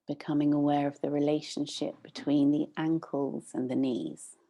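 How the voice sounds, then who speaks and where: A female meditation teacher guides listeners in a deep, relaxed voice with creaky edges, unhurried and gently instructive.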